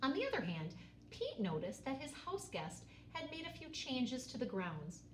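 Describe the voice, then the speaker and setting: Reading a children's picture book at normal speed, a female storyteller swings her pitch widely and dramatically emphasizes key words. Her narration echoes around the room over faint background noise.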